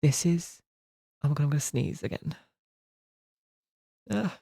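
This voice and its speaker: A male streamer chatting casually while carving a pumpkin, often dropping to a soft half-whisper and rambling with restarts. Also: a little high, a little slow, creaky, no echo, studio quality.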